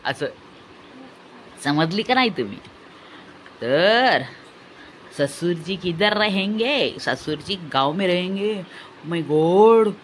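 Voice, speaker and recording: A woman's voice: on the low side, expressive, slow pace, long pauses. A woman delivers comic commentary, teasing and mocking as she talks. She repeats phrases in a sing-song rhythm and keeps laughing between lines. A faint hum of room noise sits under her voice. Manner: teasing, often breaks into laughter. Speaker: commentary vlogger.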